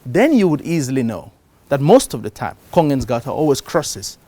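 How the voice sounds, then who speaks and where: Middle-aged man giving an animated conference talk. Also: mid-range voice, moderate pace. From Cameroon. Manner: animated, shifts loudness for emphasis. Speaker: conference speaker. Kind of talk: live talk on investing. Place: conference stage before an audience.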